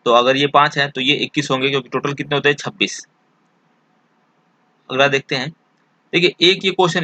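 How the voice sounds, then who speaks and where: A man teaching an exam-prep lesson, explaining slowly and repeating each point with many fillers. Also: mid-range voice, pushed and bright, no room sound.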